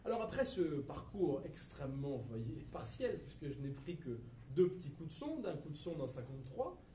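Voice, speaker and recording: A man with a French accent giving a history lecture to a live audience, lively and digressive, with hesitations and asides to the listeners. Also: a little high, moderate pace, slight background noise. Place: lecture room at a university research center. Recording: echoey lecture room from far off, faint ambience.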